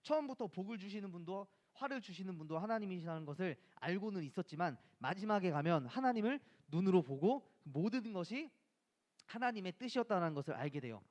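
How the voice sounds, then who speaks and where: A male pastor delivers a sermon in a fairly high voice that rises and falls a lot. He talks to the congregation conversationally and keeps asking them questions. Now and then he slips into the voices of the people he quotes. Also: expressive, a little fast, a little mellow. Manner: conversational, asks the listeners rhetorical questions; acts out quoted voices of friends and scripture.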